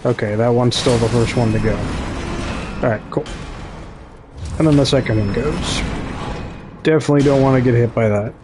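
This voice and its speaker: A man's voice: medium pitch, normal speed, pauses often, music in the background. A man with a Midwestern American accent giving casual gameplay commentary, chatty and talking straight to his viewers, often correcting himself mid-thought. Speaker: gaming YouTuber.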